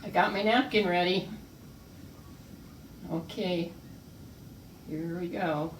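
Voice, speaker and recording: Slow, gushing older woman in echoey room. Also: fairly low pitch. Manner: gushing, savoring the food aloud. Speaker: co-host of a home cooking video. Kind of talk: casual cooking demo chat. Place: room in a retirement community home. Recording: echoey room, voice from far off, faint hiss.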